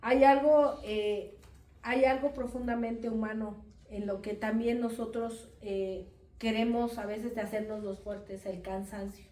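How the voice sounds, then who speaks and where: A woman's voice: on the high side, measured pace. Mexican woman preaching in an echoey hall. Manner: animated storytelling, acts out voices in quotes. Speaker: speaker at a church women's meeting. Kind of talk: testimony and preaching. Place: church hall. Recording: echoey room, voice far from the mic.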